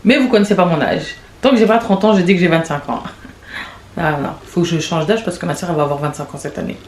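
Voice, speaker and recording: A woman's voice: lowish voice, darkish tone. Chatty woman in an echoey room. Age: late 20s. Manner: chatty, rambling, quick restarts and laughs. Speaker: podcast host. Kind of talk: casual confessional monologue. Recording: echoey room with faint background noise.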